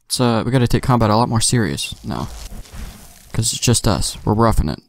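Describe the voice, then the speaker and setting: Thinking aloud over faint background game music, a let's play host gives casual, rambling commentary on his gameplay and swears mildly at times. His lowish voice shows vocal fry and lively intonation, and his pace is fairly quick.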